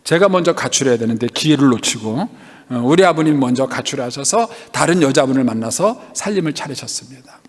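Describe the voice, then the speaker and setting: A man's voice: medium pitch, animated, a little fast, husky. A middle-aged man preaching a sermon as a pastor, telling a personal story and asking the congregation questions. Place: church sanctuary. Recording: long hall reverb.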